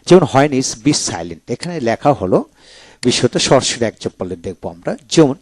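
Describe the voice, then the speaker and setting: A man's voice: mid-range voice, very animated, moderate pace, no echo. A man teaching English pronunciation in a video lecture, spelling out each word letter by letter and then repeating it.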